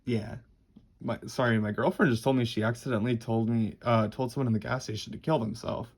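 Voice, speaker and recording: A young man talks casually through a show-and-tell in a gravelly, husky voice with a noticeable lisp. He rambles and restarts, swearing freely as he goes. His pitch sits at an ordinary male level. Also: steady tone. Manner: rambling, halting, enthusiastic wording. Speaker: card collector presenting a collection.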